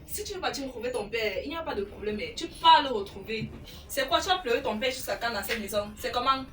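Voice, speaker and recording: A woman's voice: a little high, animated, fast. A woman playing a stern scolding housewife. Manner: scolding, sharp questions. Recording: roomy, distant mic with music.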